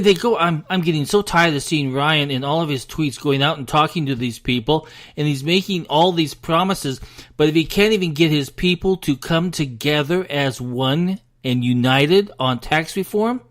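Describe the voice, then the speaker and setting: An American man delivers a solo political rant in a somewhat high voice. He speaks emphatically and with open frustration, addressing his listeners directly. At times he sounds short of breath. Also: normal speed, a bit bright. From United States. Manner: frustrated, emphatic ranting to the audience. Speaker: political commentary host.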